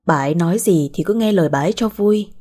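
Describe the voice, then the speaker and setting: A woman voicing a kindly middle-aged doctor giving calm advice. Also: on the low side, fast talker, close to an everyday voice. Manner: calm, advising.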